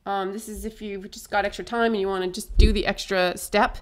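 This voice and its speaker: A young woman chatting her way through a face painting tutorial, upbeat and a little hoarse. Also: medium pitch, steady tone, a little fast. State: slightly hoarse.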